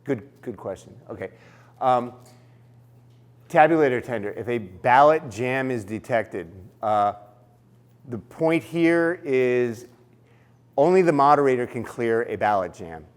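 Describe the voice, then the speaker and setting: A man leads a poll worker training in a relaxed, explanatory way. His voice sits at an ordinary middle pitch, and he pauses on fillers and restarts his sentences as he goes. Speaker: election trainer.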